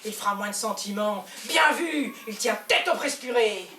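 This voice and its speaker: A woman with a Belgian French accent performing a theatrical stand-up monologue on stage, swinging between loud outbursts and hushed asides. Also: medium pitch, expressive, moderate pace, slight background noise. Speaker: comedian. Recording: echoey hall, voice from far off, faint ambience.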